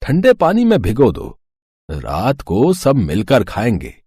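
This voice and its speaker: A man voicing a calm easygoing husband. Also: fairly low pitch, takes it slowly, slightly rough, no echo, studio quality, heavily acted. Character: easygoing middle-aged husband.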